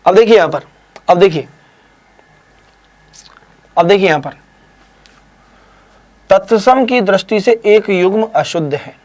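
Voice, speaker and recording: A man with a high-pitched voice leads a live online exam quiz. He spells words out slowly and deliberately, then moves on with quick praise and teasing. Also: animated, a little mellow. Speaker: Hindi exam teacher.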